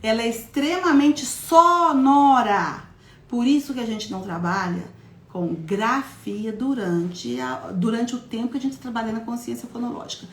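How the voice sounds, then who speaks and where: A woman's voice: on the high side, a little slow. A woman giving a live teaching talk to an audience, explaining step by step and often asking them questions. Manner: demonstrates syllables in a lively, childlike classroom voice. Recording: echoey room sound.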